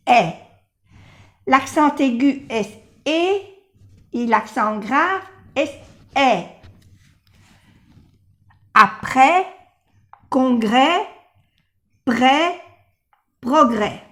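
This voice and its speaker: With a high voice, an older woman teaches a language, patiently walking through explanations and slowly saying each example word again.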